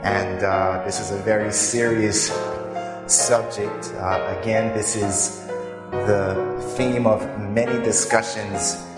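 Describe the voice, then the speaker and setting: A man delivering a sermon in a deliberate, rhetorical manner, as a preacher addressing a congregation. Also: lowish voice, level tone. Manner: deliberate, rhetorical, pausing for audience to fill in words. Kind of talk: sermon with scripture readings and questions to the congregation. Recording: echoey hall, long reverb, music behind.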